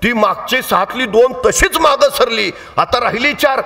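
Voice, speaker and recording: A male orator giving a motivational public lecture full of storytelling, dramatic and swinging between hushed and shouted emphasis. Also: very high-pitched, expressive, moderate pace. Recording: echoey hall.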